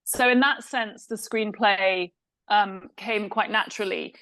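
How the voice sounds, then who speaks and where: A woman's voice: medium pitch, steady tone, measured pace, a bit bright, no room sound, poor audio. A woman from England with an English accent, a film director answering interview questions thoughtfully, with many fillers and restarts.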